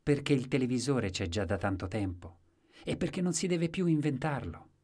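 A man voicing a calm, plain-spoken man at a café in a story reading. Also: medium pitch, moderate pace, voice pushed up, lightly acted. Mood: matter-of-fact. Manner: matter-of-fact explaining.

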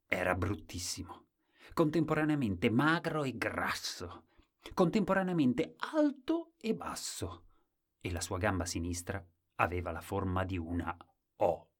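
A man reads a fairy tale aloud with playful drama. His voice sits fairly low and swings widely in pitch as he tells it. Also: big pitch swings, unhurried. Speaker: storyteller. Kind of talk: expressive story reading.

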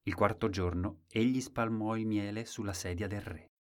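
A man's voice: fairly low pitch, steady tone, moderate pace, darkish tone. A man reading a fairy tale aloud in a dramatic, playful way. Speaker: storyteller. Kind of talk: expressive story reading.

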